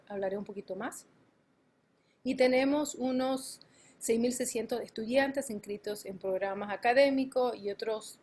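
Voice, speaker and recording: Speaking on a conference panel, remote or on stage, a college campus administrator presents in a fairly high, darkish voice with a breathy edge. She halts often, using frequent fillers and correcting herself.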